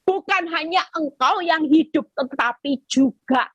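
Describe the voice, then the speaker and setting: A woman's voice: high-pitched, a little slow, a bit bright, no echo, highs cut off. A woman evangelist preaching a sermon over a video call, emphatic and repeating her phrases. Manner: emphatic, repeats phrases, acts out quoted cries.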